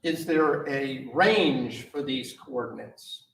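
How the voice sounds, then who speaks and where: A man's voice: mid-range voice, vocal fry. Man cross-examining, hesitant with many fillers, courtroom recording, echoey and far from the mic. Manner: halting, full of uhs and self-corrections. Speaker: attorney questioning a witness. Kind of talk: courtroom questioning. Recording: echoey courtroom audio from a distant mic with faint noise.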